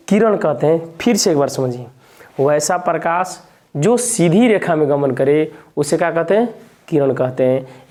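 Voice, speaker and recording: A man walks students through a physics lesson, his voice dark and mellow. He keeps circling back to each definition, asking a question aloud and supplying the answer himself. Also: on the high side. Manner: repetitive, asks and answers own questions. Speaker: teacher.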